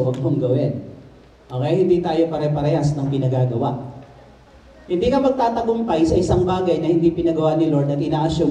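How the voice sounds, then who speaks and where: A man with a Filipino accent preaching a sermon, switching between Tagalog and English, reading scripture and acting out its scenes. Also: on the high side. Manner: switches between Tagalog and English, reads Bible verses then explains them; acts out scenes, shouting some lines and dropping to a whisper on others. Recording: echoey room, far from the mic.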